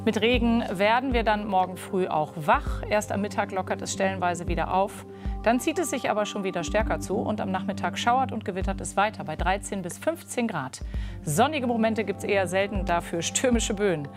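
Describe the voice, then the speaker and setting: A woman's voice: medium pitch, brisk. Female regional news anchor, friendly studio delivery, music bed underneath. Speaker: news presenter. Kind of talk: studio news and weather presenting.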